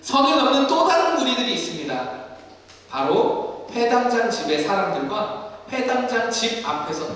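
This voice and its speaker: A male pastor preaching a sermon in an animated way, acting out scripture scenes in different voices, in a basement studio used for church services. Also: sits high, slight background noise. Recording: echoey hall from far off.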